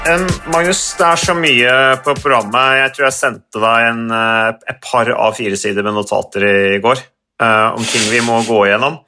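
Casting note: man, podcast host, hesitant chatty delivery, bright forceful voice. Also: mid-range voice, soft background music. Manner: hesitant, many fillers and restarts, reads from notes. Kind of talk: casual cycling podcast chat.

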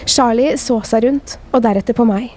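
Mellow woman narrating horror stories. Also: fairly high pitch. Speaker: podcast host. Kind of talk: scripted horror story narration.

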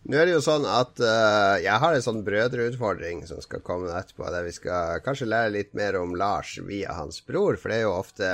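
A man's voice: on the low side, lively intonation, few pauses, fairly bright tone, dry recording. A man hosting a show in a casual, chatty style. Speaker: host. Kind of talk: casual chat.

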